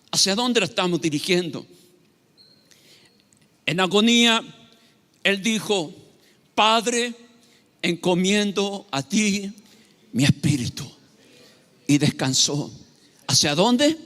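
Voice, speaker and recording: A man's voice: high-pitched, bright, forceful tone, big-room sound. A man preaching a sermon as pastor, emphatic and asking his listeners rhetorical questions.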